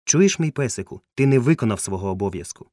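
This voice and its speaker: A man voices a good-humoured ship captain with a dry, wry wit, speaking fast at medium pitch in a near-everyday voice. He sounds calm, amused, and joking, recorded close and dry.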